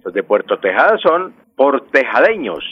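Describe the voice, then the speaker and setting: A man's voice: mid-range voice, big pitch swings, breathy edge, no echo. Male language expert, patient explainer, dry and dull radio sound. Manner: patient, explanatory, repeats words slowly.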